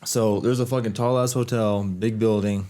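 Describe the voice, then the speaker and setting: A young man with a fairly low voice hosts a casual podcast chat. He tells stories in a loose, laid-back way and swears freely. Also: fairly even intonation, normal speed, mellow. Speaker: podcast host.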